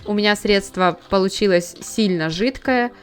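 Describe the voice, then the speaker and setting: A woman talks through a household cleaning task in a calm, instructive voice-over, one step at a time. Her pitch sits in an ordinary middle range. Soft music plays faintly behind her. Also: moderate pace. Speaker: home cleaning tips host. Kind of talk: scripted how-to voice-over.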